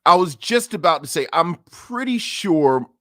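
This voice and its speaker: A man's voice: a little high, animated, a little slow, sharp tone, no echo, studio quality. A man co-hosting a podcast, bantering and teasing in casual chat. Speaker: podcast co-host.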